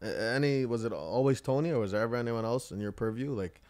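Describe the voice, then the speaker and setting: A man hosting a casual interview, talking informally in halting, trailing phrases. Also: medium pitch, darkish tone. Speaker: podcast host interviewing his grandmother.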